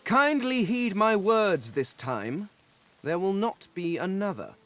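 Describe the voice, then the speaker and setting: An actor playing a haughty, pedantic non-human scholar in a video game, pompous and precise in formal speech. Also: male voice, sits high, very animated, slow pace, fairly bright tone, full character voice. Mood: haughty, displeased.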